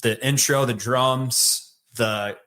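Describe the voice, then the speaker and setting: A man with a Michigan accent, a podcast guest telling his life story in a relaxed, rambling way with many fillers. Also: mid-range voice, slow pace. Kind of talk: casual storytelling conversation.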